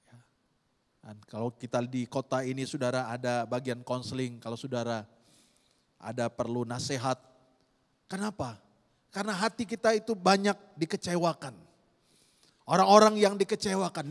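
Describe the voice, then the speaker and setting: A man preaching a sermon to his congregation, swinging between loud high exclamations and soft low murmurs. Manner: keeps addressing the congregation as "saudara". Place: church hall. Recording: long reverb of a large hall.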